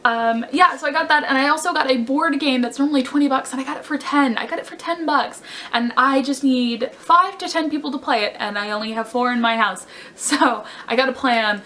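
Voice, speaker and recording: Bright, high-voiced young woman vlogger. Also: brisk, slight background noise. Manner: chatty, gushing, with fillers and self-corrections. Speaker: book vlogger. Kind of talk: casual book haul chat.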